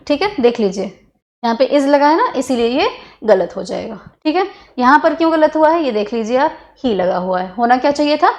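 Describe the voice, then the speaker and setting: A woman teacher giving an exam-prep grammar lesson, asking questions and answering them herself, often checking in with her students. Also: high voice.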